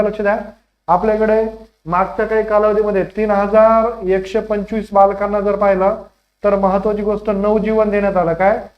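High-voiced man teaching an exam class. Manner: rapid, coaxing, keeps urging students to answer fast; calls students "children" affectionately. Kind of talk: live online exam-prep class. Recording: dull lo-fi stream audio.

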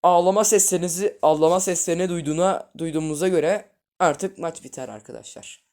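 A man hosting a gaming video, giving live commentary that jumps from loud outbursts to quiet muttering while talking straight to his viewers as friends. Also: fairly high pitch, quick pace.

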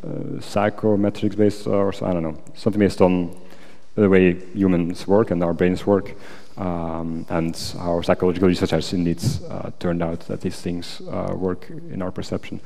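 Deep-voiced hedging man in echoey hall. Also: steady tone, moderate pace, vocal fry, dark tone. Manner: hedging, hesitant, with qualifications. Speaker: PhD candidate answering examiner questions. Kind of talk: academic thesis defense answers. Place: large wooden lecture auditorium. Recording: echoey lecture hall, long reverb.

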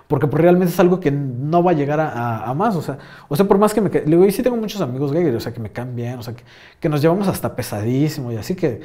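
A man's voice: fairly high pitch, mellow. A young man with a Mexican accent telling a rambling, slang-filled story in casual chat, full of fillers. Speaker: podcast host.

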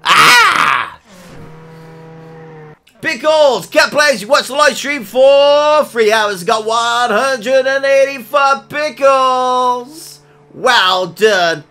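A live streamer giving excitable, shouty gameplay commentary, repeating phrases and reading chat aloud. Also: high-pitched, very slow.

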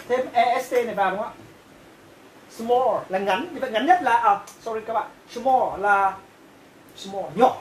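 A woman with a Vietnamese accent teaches English grammar, repeating and translating each phrase at a patient pace. Her voice sits fairly high. The recording is roomy and distant, with a faint hiss underneath. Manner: slow, repeats and translates each phrase, often asks "right?". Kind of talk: grammar lesson.

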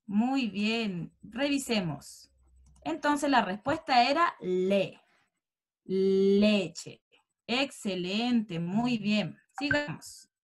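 Slow, patient woman teaching small children. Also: fairly high pitch. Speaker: first-grade teacher. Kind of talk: online class for young children.

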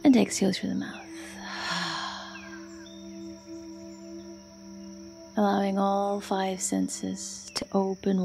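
A yoga nidra instructor guides a meditation, her gravelly mid-range voice soft and soothing. She speaks in short phrases separated by long pauses.

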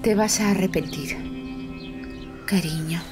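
An actress voicing an estranged young wife in a dubbed film drama, emotional and resentful. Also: female voice, fairly low pitch, unhurried, over music, natural voice. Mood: defensive, bitter. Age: young adult.

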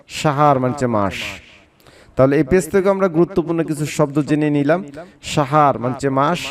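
Man, language teacher, slightly higher pitch, slow repeated words then meanings. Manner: repeats each word slowly, then gives its meaning. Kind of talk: vocabulary lesson.

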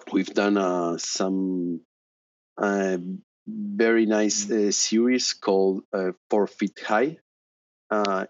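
A man's voice: lowish voice, gravelly, no echo. A man in his thirties from Argentina, speaking English with an Argentine Spanish accent as a panelist, hesitant with many fillers and restarts, on a headset over a video call. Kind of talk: conference panel talk. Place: home room, indoors. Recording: dull video call audio.

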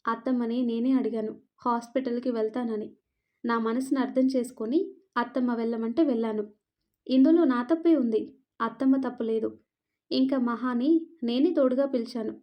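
A woman's voice: a little high, steady tone, moderate pace, pauses often, lightly acted. A woman voicing a frightened young wife who pleads and scolds through tears, on a dull lo-fi recording. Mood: pleading. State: crying.

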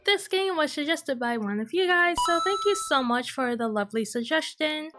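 A woman's voice: sits high, expressive, moderate pace, bright, forceful tone, soft background music. A woman playing a horror game and reacting aloud in casual chat, laughing often. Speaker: gaming YouTuber. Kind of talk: horror game let's play.

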